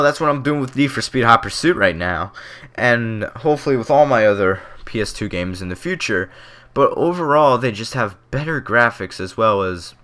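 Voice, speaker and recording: This mid-range male voice sounds bright and forceful as he rambles through casual, unscripted gaming commentary, tripping over a few words. Novocaine from the dentist has left his lip numb, so his speech comes out slightly off. He's a gaming video creator sharing his opinions.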